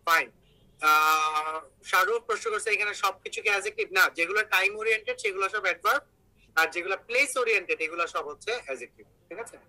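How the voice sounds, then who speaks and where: A man's voice: sits high, quick pace, bright, forceful tone, low-quality recording. A man teaching an online English grammar class, explaining step by step and asking his students questions.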